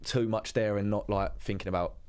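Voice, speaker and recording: Young male podcast host, low-ish, rambling filler-heavy chat. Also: steady tone, fairly quick, clean tone. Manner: hesitant, lots of "like" fillers. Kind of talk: casual chat.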